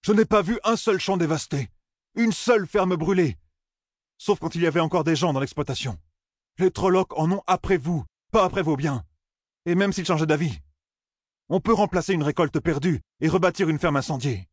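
A man reading an audiobook, voicing an earnest, forceful young village man who urges others with pleading, husky speech. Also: fairly high pitch, moderate pace, dry recording, clean studio sound, voice pushed up, close to an everyday voice. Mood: urging. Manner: pleading, urgent persuasion.

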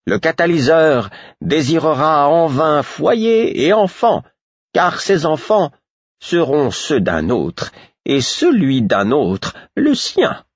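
A man voicing an old woman seer, smug and serene, chanting prophecies in a high sing-song. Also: sing-song, takes it slowly, no echo, highs cut off, heavily acted. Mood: prophetic.

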